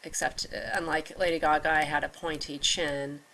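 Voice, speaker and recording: A congested woman with a raspy voice recounts her experiences in a hesitant monologue full of pauses and fillers. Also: low-pitched, fairly even intonation, fairly bright tone. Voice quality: raspier than usual. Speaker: vlogger recounting personal experiences. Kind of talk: halting personal monologue.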